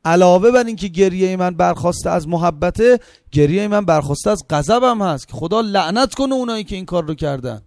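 A man delivering a religious sermon, asking questions and answering them himself, swinging between emphatic high phrases and soft low asides. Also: lively intonation, no echo, clean studio sound. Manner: rhetorical, asks and answers his own questions. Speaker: preacher.

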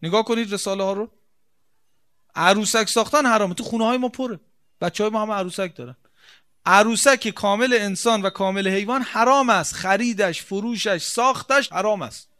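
A male preacher with a high, bright voice delivers a religious sermon. He leans hard on repetition and rhetorical questions, and his volume swings from hushed asides to forceful stresses. His delivery stays emphatic and insistent throughout. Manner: emphatic, repeats key phrases, rhetorical questions.

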